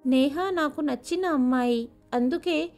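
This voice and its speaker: A woman's voice: high voice, a little slow, a little mellow, soft background music. A woman voicing a defiant young man, a grown son who talks back sharply. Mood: angry.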